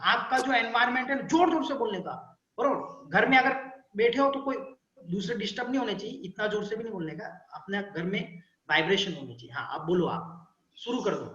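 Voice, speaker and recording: A man as a spiritual teacher, patiently explaining and leading a group through drawn-out chanted vowel sounds, often checking in with his listeners. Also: high voice, lively intonation, pushed and bright, roomy sound, lo-fi sound.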